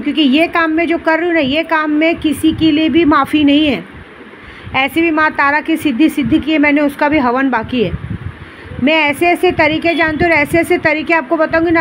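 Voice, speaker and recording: A woman's voice: high voice, a bit bright, slight background noise, low-quality recording. A woman in her thirties, a ritual practitioner, speaking straight to camera in a stern, warning tone. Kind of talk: direct-to-camera monologue.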